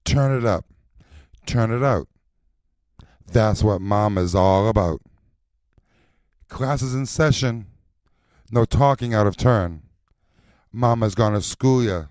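A man performing recorded voice lines as a sassy, confident drag mother teaching a class, in a slow rhythmic chant with sultry stretched endings. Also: lowish voice, darkish tone, no echo, clean studio sound.

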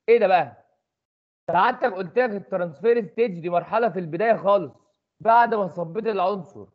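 A man's voice: high-pitched, lo-fi sound. A man with an Egyptian accent giving a casual engineering lecture, asking himself questions and answering them. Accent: Egyptian Arabic. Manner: quick, chatty explaining with rhetorical questions. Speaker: engineering tutor. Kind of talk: recorded section lecture.

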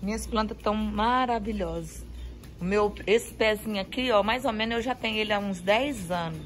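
An effusive woman showing off her home garden, talking into a handheld phone outdoors. Her pitch sits in an ordinary middle range. She keeps admiring every plant aloud, with a faint hiss of noise behind her. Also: normal speed, low-quality recording. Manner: effusive, admiring, repeats praise often. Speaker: vlogger giving a garden tour. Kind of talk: casual garden tour vlog.

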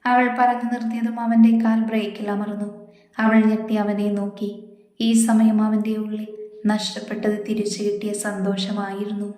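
A woman's voice: medium pitch, flat delivery, normal speed, dark tone. Woman reading a story in an echoey room. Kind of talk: reading a romantic story aloud. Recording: echoey room with long reverb.

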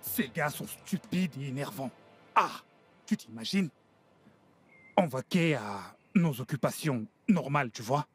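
Indignant gang boss, husky voice. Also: male voice, mid-range voice, lively intonation, a little slow, soft background music. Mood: indignant ranting. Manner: scolding, emphatic, repeats himself. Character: domineering, indignant male street gang boss. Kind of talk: French-dubbed Nigerian film drama.

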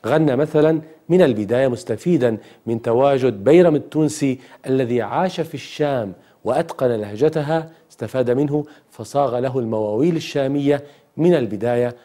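A man hosting a music history program, who gives measured, analytical scripted narration. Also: medium pitch, dark tone. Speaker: host and presenter.

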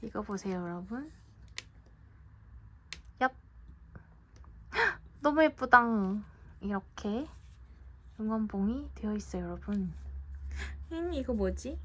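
A young woman vlogging an unboxing in a chatty, gushing way, often dropping to a soft whisper, indoors at home. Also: mid-range voice, animated, a little slow, long pauses, breathy edge. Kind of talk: unboxing vlog.

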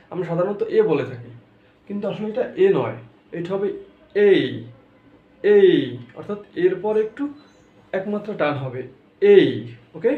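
Bengali-speaking guy teaching letter sounds, kinda high voice, echoey room, muffled lo-fi audio. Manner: repeats each sound many times, asks "okay?" often. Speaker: English pronunciation teacher. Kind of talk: spoken lesson to learners. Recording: roomy, dull lo-fi sound with faint noise.

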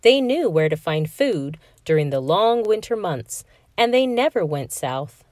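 A woman reading a children's picture book aloud in an expressive, sing-song storytelling manner. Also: on the low side, a little slow, no room sound, clean studio sound.

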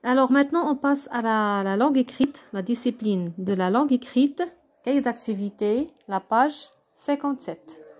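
A woman's voice: a little high, normal speed, a little mellow. A woman teaching young children step by step, patiently sounding out syllables one at a time and often checking that they follow. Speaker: primary school teacher. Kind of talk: slow, step-by-step remote lesson for young children.

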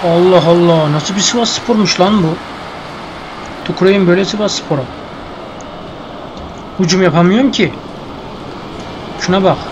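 A man's voice: high-pitched, normal speed, long pauses, noisy background. A young man giving live gameplay commentary, grumbling and frustrated at the match. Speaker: gameplay streamer.

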